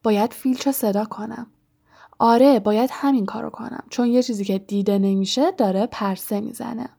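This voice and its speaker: A woman's voice: a little high, fairly even intonation, vocal fry, dark tone, slightly rough. A woman voicing a mischievous male poltergeist who turns oily and groveling. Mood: sly. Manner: wheedling, then groveling and oily. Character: sly mischievous male poltergeist, fawning when scared.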